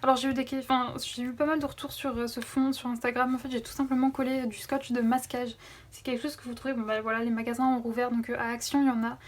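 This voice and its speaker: Speaking fast in a slightly high, level tone, a young woman enthusiastically walks through her coloring book haul in a casual vlog, with lots of fillers. She films it on her phone camera.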